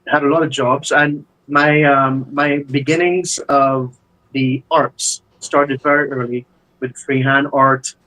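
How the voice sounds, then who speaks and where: A man's voice: mid-range voice, a bit bright, low-quality recording. A man, a guest telling his life story in a casual interview over a video call, with many hesitations and fillers. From Barbados. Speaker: guest, business owner.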